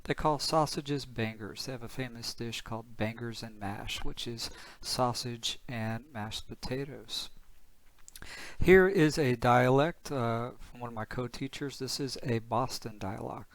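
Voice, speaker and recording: Male teacher, lesson narration; upbeat, explanatory, mid-range pitch. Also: measured pace, low-quality recording.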